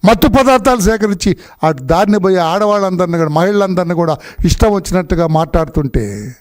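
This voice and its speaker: Man, middle-aged, high voice, heated political speech, indignant, scolding, repetitive accusations. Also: animated, fairly quick. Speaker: politician at a press conference.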